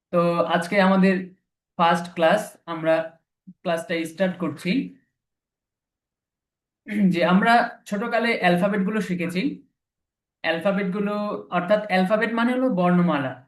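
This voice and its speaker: A man teaching an English lesson, patiently repeating each letter several times to drill its pronunciation. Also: sits high. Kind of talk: recorded classroom lesson. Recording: echoey room.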